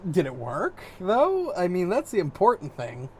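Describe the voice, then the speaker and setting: A man streaming a video game, reacting excitably, laughing and swearing freely. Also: sits high, moderate pace, a little hiss or hum. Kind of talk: live game commentary.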